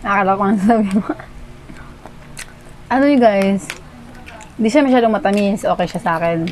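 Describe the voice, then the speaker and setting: A woman's voice: medium pitch, a little fast, slight background noise, rough recording. A woman vlogger from Zamboanga reviewing food in a casual chat, talking to her viewers with her mouth full. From Zamboanga, Philippines. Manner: chatty, talks straight to viewers.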